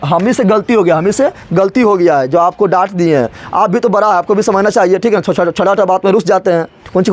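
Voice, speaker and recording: A male teacher, explaining a story to his class and repeating his own questions before answering them. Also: sits high.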